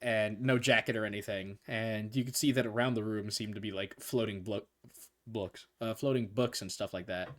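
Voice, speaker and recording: A man's voice: fairly low pitch, fairly even intonation, normal speed, a bit bright. A young man running a tabletop game as game master, narrating loosely with fillers and chuckles.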